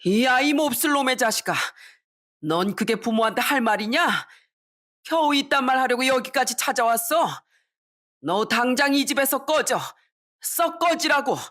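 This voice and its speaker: An older father in a fury, voiced by a woman, shouting down his son with a raised, heated voice. It is read as part of a storytelling recording. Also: high voice, animated, normal speed, voice pushed up. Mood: furious. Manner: shouting, scolding.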